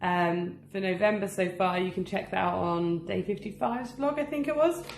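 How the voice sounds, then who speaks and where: A woman's voice: mid-range voice, moderate pace, gravelly, roomy sound, slight background noise. A woman chatting casually and cheerfully in a daily vlog at home, laughing often. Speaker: vlogger and business owner. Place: at home, indoors.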